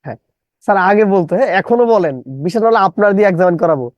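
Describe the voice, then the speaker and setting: A man's voice: high voice, expressive, rapid-fire, no echo, muffled recording. A middle-aged man from Bangladesh teaching a live online English lesson. He repeats his own questions and breaks words into syllables.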